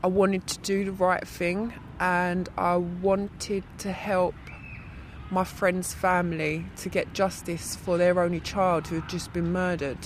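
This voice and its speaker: A woman's voice: fairly low pitch, flat delivery, slow pace, a little hiss or hum. Young woman, voice disguised. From South London. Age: young adult. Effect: electronically disguised voice. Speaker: anonymous witness. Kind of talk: interview testimony.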